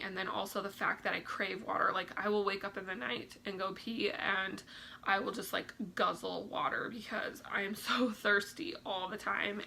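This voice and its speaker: Young woman vlogger, bright and a bit gravelly, chatty and slightly breathless, faint room noise. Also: medium pitch, rough recording. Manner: chatty, full of fillers like "like" and "um". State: a little out of breath. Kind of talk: casual pregnancy update vlog.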